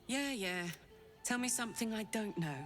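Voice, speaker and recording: An actress voices a sardonic female devil in a fantasy game. She is cheeky and blunt, her voice fairly high and very animated over clear background music. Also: moderate pace, natural voice. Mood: sardonic, defiant. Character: brash, sardonic female devil with mechanical engine. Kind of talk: video game character acting.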